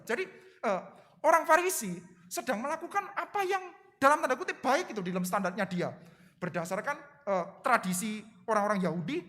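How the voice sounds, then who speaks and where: A male pastor preaching a sermon in a lively way, addressing the congregation as "brothers and sisters" after nearly every phrase. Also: high-pitched. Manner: lively, acts out quotes in different voices. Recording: long hall reverb.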